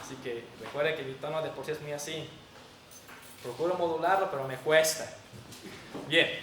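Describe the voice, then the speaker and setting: On the high side and bright, this man's voice carries a forceful tone and a Mexican accent as he preaches in an emphatic, teaching manner. Bible reading and prayer are part of the sermon, which echoes around the room and reaches a distant mic along with faint noise.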